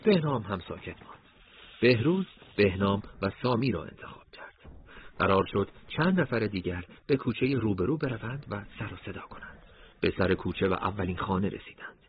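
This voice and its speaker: A man narrating a war story in a steady, measured reading voice. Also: on the low side, dull audio, a little hiss or hum.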